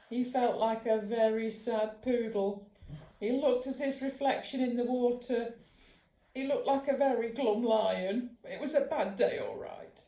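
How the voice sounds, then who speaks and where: A woman, a children's author, reading a bedtime story aloud in a lively, expressive way. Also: fairly high pitch. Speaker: children's author and dog trainer. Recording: roomy echo.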